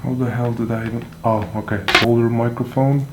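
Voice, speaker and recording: Talking a little fast in a mid-range voice with fairly even intonation, a reviewer does a relaxed unboxing and hands-on demo. He thinks aloud informally while handling the products, and the echoey recording picks up clicks and handling noise.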